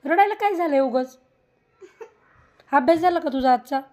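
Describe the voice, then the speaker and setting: Woman, young mother, high voice, casual, playful, soothing, coaxing. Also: lively intonation, normal speed, darkish tone. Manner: coaxing, playful, talks sweetly to small children. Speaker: mother playing with her children. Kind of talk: casual family chat.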